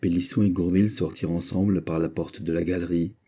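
A man narrating a novel in a steady, literary reading style. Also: low voice, quick pace, husky. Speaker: audiobook narrator. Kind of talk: scripted narration.

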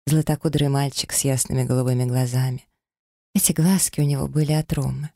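A man's voice: mid-range voice, steady tone, fairly quick, creaky, dark tone, dry recording, clean studio sound. A man reading a first-person story as an audiobook narrator, dramatic and emotional.

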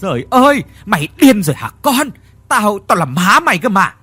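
A man voicing a wicked older lady of a rich household who scolds in a shrill voice in a ghost story. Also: big pitch swings, moderate pace, sharp tone, husky, no echo, full character voice.

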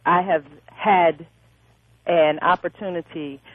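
A woman's voice: on the low side, steady tone, takes it slowly, dry recording, phone-quality sound. A woman calling in to a radio show, defiant and insistent as she argues back. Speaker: caller. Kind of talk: call-in radio argument.

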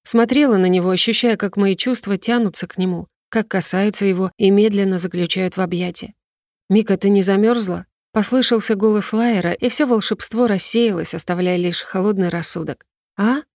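A woman reads a first-person novel aloud at a measured, even pace. Her voice sits in a middle pitch. The recording is dry and close. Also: no echo. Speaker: audiobook narrator.

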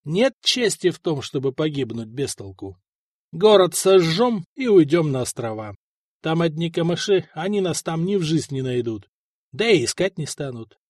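Male reader playing a defiant, cunning besieged commander; lively, dry. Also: a little high, normal speed, no room sound. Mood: grim. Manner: defiant, mocking when shouting. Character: shrewd defiant male warrior commander, cool under siege.

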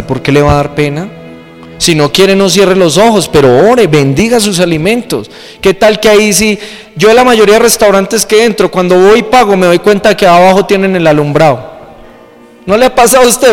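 A man with a high voice preaches a sermon, slipping into little impressions of the people he quotes. His voice carries a long hall reverb, and soft music plays underneath. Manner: animated preaching with acted-out quotes. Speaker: pastor.

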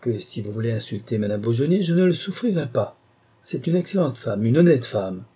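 A man's voice: mid-range voice, lively intonation, normal speed, dark tone, husky. A man reading an audiobook who voices an irascible, pompous older uncle in an overbearing, indignant manner. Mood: angry.

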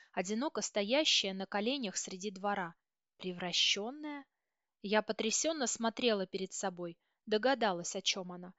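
A woman narrating a first-person story as an audiobook reader, steady and dramatic. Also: mid-range voice, dry recording. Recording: dull, dry audiobook recording.

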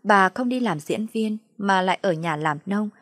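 A woman narrating a first-person family story in a calm, reflective way. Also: mid-range voice, normal speed, no echo, clean studio sound.

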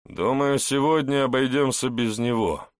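A man voicing a polite, calm young male security officer in an audiobook. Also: mid-range voice, moderate pace, clear, resonant tone, no room sound, clean studio sound, pitched above the performer's own voice, natural voice. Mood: courteous. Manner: courteous, calm, genial.

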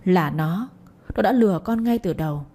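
A woman's voice: on the low side, expressive, normal speed, mellow. A woman reading a bitter, weary young daughter. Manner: heavy, resentful.

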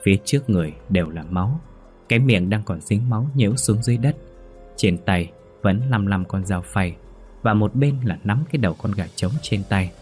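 A man reading a horror story in a steady, measured way. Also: lowish voice, soft background music. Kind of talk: scripted horror narration.

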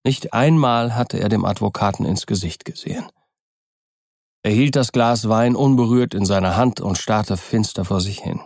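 A man narrating an audiobook in a measured, even storytelling manner. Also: on the low side, vocal fry, no room sound, clean studio sound. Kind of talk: scripted narration.

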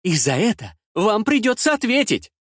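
A man's voice: high voice, big pitch swings, moderate pace, a bit bright, no room sound, voice pushed up, full character voice. A man voicing a brave young woman who defiantly scolds bullies. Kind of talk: audiobook character voice.

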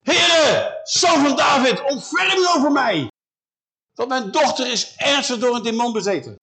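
A man's voice: very high-pitched, animated, a little slow, pitched above the performer's own voice, full character voice. A man voicing a desperate mother crying out. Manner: shouting, pleading.

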